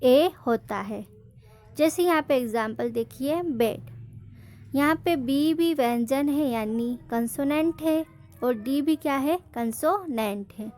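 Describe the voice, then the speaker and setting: Slow, high-voiced woman teaching. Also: darkish tone. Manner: slow, drilling, asks questions then answers them. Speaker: English pronunciation teacher. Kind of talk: classroom-style lesson.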